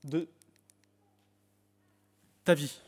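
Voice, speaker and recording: A man preaching a sermon in French with an English accent, emphatic at times and restarting his phrases with fillers. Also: extremely slow. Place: church hall. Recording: long church hall reverb.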